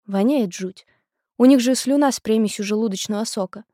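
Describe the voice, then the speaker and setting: A woman reading an audiobook, voicing a calm, matter-of-fact teenage boy who likes to explain things. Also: a little high, a little fast, no echo, studio quality, lightly acted. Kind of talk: audiobook character voice.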